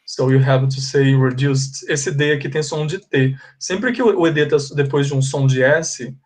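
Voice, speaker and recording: A man's voice: medium pitch, moderate pace. A man with a Brazilian Portuguese accent teaching an online English class, switching between Portuguese and English and patiently repeating the forms. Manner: explains patiently, repeats forms, checks with students.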